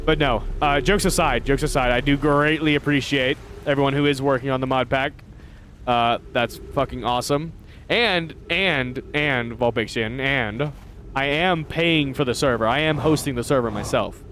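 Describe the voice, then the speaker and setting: A male livestreamer with a mid-range, slightly bright voice speaks at normal speed, swearing and mock-ranting at his chat during a casual game stream, then muttering to himself as he plays. A little hiss or hum is audible.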